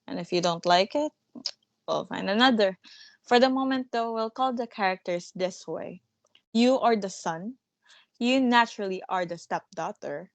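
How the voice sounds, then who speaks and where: A woman's voice: medium pitch, gravelly, no room sound, close to an everyday voice. Woman playing a bossy, dismissive theatre manager. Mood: brisk, reassuring. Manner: brisk, scornful, commanding. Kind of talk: dramatic stage-play reading.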